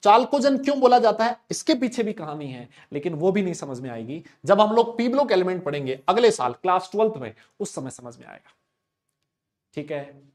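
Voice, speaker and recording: Male tutor, high voice, casual lecture style with playful mnemonics and rhetorical questions. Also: very animated, fairly quick, darkish tone. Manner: chatty, asks and answers his own questions, playful mnemonics. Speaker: chemistry teacher.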